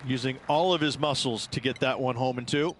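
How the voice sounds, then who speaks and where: A man's voice: mid-range voice, a little fast, noisy background, close to an everyday voice. A man playing a golf commentator in a video game, adding knowing analysis as the colour man. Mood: knowing, measured.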